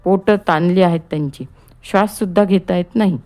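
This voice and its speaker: A woman voices a panicked office peon from a storybook, rushing his urgent news in a raised, alarmed tone. Her voice stays low underneath. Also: close to an everyday voice. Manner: shouting in alarm.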